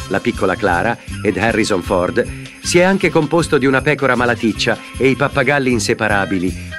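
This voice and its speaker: A man's voice: medium pitch, fairly bright tone. A man narrating a comic parody from a script, mixing mock-formal wording with swearing.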